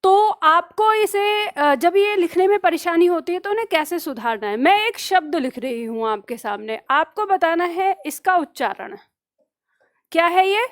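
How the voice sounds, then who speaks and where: High-voiced woman teaching slowly. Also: expressive. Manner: repeats phrases slowly for dictation; asks questions and answers them herself. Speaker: Hindi grammar teacher. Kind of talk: online exam-prep lesson.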